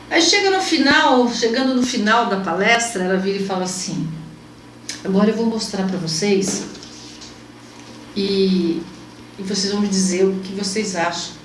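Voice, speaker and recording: A woman host telling an emotional personal story in conversation, animated and repetitive, her pitch jumping as she gets moved. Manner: animated, repeats herself, pitch jumps when moved. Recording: echoey room, mic at a distance, faint background hum.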